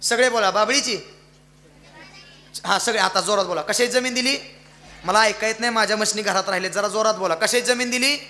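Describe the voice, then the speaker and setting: Brief: male kirtan preacher from Maharashtra, bright and forceful tone, long hall reverb, rousing the crowd. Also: high-pitched, brisk, pauses often. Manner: exhorting, calls on the audience to answer. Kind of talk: devotional sermon with storytelling.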